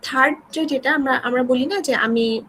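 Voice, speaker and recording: A woman's voice: high-pitched, moderate pace, pushed and bright, a little hiss or hum, low-quality recording. A woman from Bangladesh teaching beginner Japanese, explaining patiently and checking in often with her students. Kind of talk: online beginner class explanation.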